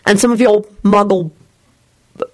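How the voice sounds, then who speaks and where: A woman's voice: medium pitch, fairly even intonation, moderate pace, voice pushed up, natural voice. A woman reader doing a firm, prim young woman.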